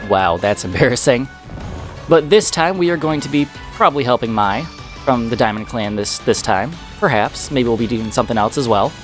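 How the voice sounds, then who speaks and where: Slightly sick and a little off-sounding, a male gaming channel host talks through his let's play at an everyday middle pitch. He keeps up a chatty stream, quick to react aloud at each turn, with soft game music underneath.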